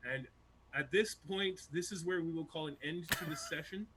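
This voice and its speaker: A man's voice: fairly high pitch, normal speed, over a noisy crowd, rough recording. A man narrating a tabletop game as its game master.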